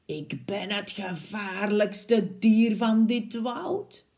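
A woman's voice: mid-range voice, drawn-out words, creaky. A woman voicing a clever little male mouse who boasts he is the most dangerous animal in the wood, in a storybook reading. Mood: boastful. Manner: boastful, lively.

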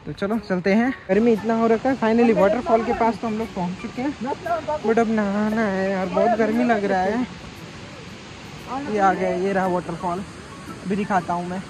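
A man's voice: sits high, steady tone, normal speed, music in the background. A young man chatting playfully and upbeat as a travel vlogger on a mountain trail, talking into a handheld camera. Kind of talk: casual travel vlog narration.

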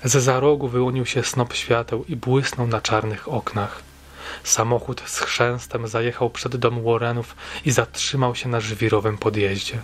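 Husky-voiced man narrating a story. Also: mid-range voice, steady tone, normal speed. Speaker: audiobook narrator.

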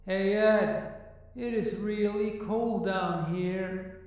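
A man narrating a story voices another man calling faintly up from deep down a well, hushed and drawn-out with a slight sing-song. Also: fairly even intonation, heavy reverb. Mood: eerie. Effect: distant voice from far down a well.

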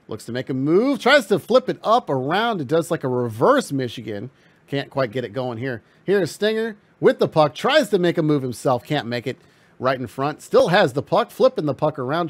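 Guy calling a hockey video game, upbeat and quick, higher-ish voice, dry mic. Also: no echo. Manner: excitable, laughs often, quick play calls. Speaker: play-by-play commentator. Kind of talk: casual video game commentary.

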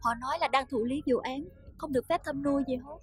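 An actress playing a worried young wife in a Vietnamese TV drama, pleading and anxious. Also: female voice, sits high, quick pace, no echo, soft background music, natural voice.

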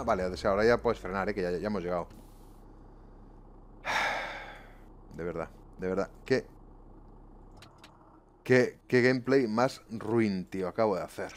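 A man's voice: fairly low pitch, moderate pace, pauses often, slight background noise. A man commentating his bus-driving gameplay live home, swearing often and grumbling to his viewers. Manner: swearing, exasperated, talking to viewers. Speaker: gaming YouTuber. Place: home room.

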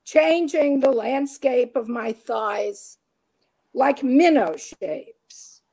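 A woman poet and professor giving a short background, then reading her poem in a measured, deliberate way. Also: high-pitched, animated, dark tone. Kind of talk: poetry reading.

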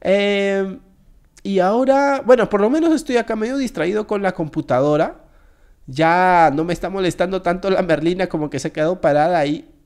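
A man giving jokey, excitable gameplay commentary straight to his viewers. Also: high voice, moderate pace, clean tone. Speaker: gaming video creator.

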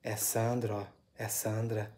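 Man, ghost-hunting vlog host, hushed murmurs, anxious, indoors in an abandoned house. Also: on the low side, flat delivery, slow. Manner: hushed, murmured asides between questions; anxious, awed. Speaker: paranormal investigator host.

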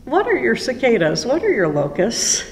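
A woman's voice: fairly high pitch, wildly swooping pitch, normal speed, a little hiss or hum. An older woman, a pastor, giving an informal devotional message in a conversational way, putting questions to her listeners. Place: large church sanctuary, indoors. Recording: echoey church hall, long reverb.

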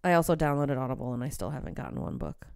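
A woman's voice: a bass voice, very animated, racing, creaky, darkish tone, clear, resonant tone. A young woman co-hosting a podcast in casual chat, giggly and chatty, saying "like" a lot, on a close studio mic. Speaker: podcast co-host. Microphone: new studio microphone, close.

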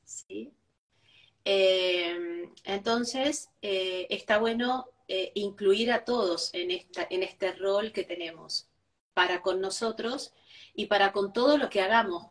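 A woman's voice: mid-range voice, far from the mic. A woman, a guest giving reflective spiritual talk, who tags each point with a questioning "right?". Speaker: interview guest.

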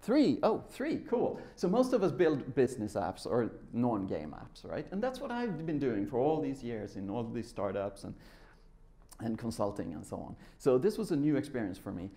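Presenting at a tech conference, this middle-aged software developer from Sweden addresses a seated crowd in a big lecture hall. He talks casually and conversationally at a moderate pace. His medium-pitched voice is gravelly and warm, with a sing-song lilt.

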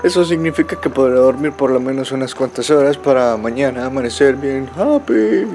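A hoarse young man, vlogging outdoors on a city street with crude, playful outbursts. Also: medium pitch, lively intonation, normal speed, darkish tone, a little hiss or hum. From Colombia. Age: young adult. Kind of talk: joking handheld vlog. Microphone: handheld camera at arm's length.

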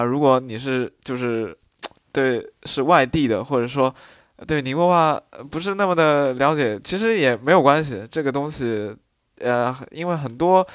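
A man teaching a lesson on dialect tones at an even, middling pitch. He explains step by step and stretches out single syllables to show each tone. The recording is dry, with almost no room sound. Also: no echo.

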